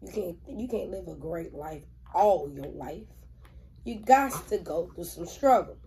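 A woman's voice: lowish voice, lively intonation, measured pace, warm tone, slight background noise, poor audio. A woman, chatting bluntly and profanely on camera while she eats, rambling as she goes. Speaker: mukbang vlogger. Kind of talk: casual chat while eating on camera.

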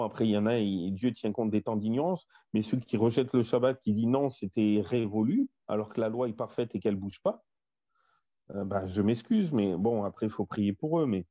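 A man's voice: medium pitch, no echo, narrow, tinny audio. A man leading a casual Bible study discussion over an online voice chat, talkative and repeating himself with many fillers.

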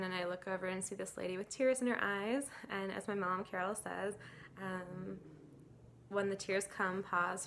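Earnest woman with a gravelly edge. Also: mid-range voice, fairly bright tone, a little hiss or hum. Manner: earnest and emotional, with frequent fillers and laughs. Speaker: church volunteer sharing a testimony. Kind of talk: casual spoken testimony to camera. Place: indoors against a plain grey wall.

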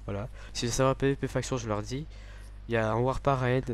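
Man gamer at mid pitch, casual play commentary, relaxed and halting, lots of filler pauses. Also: slight background noise. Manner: hesitant, many fillers and restarts, laid-back. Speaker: gamer, server owner.

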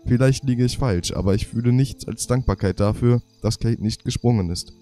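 Reading game diary pages for his let's play, a young man fumbles words and keeps correcting himself. A cold has left his nose half blocked. His voice is medium-pitched and warm, moving at a normal speed.

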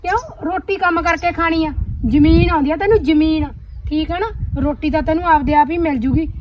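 A woman with a Punjabi accent in a village drama, talking bluntly and scolding a cousin. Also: extremely high pitch. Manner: blunt, scolding, rapid-fire advice. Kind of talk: Punjabi short film drama acting. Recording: distant, dull, noisy outdoor sound.

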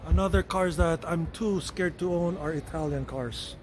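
Guy chatting thru a car museum tour, kinda rambly, unsure of himself, slightly higher voice. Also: normal speed, noisy background. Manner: chatty, rambling, self-correcting, hedges often. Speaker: vlogger touring a car museum. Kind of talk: casual walkthrough narration. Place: indoor car museum hall.

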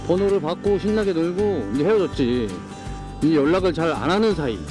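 A man's voice: a little high, lively intonation, a little fast, music in the background. A middle-aged man giving casual, blunt, grumbling vlog commentary in slangy banter, his articulation slightly slurred by loose dentures. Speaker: vlog host.

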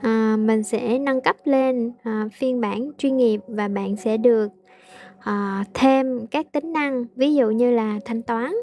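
A woman English teacher, translating aloud slowly in a casual lesson with frequent hesitations. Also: a little high, steady tone, dark tone.

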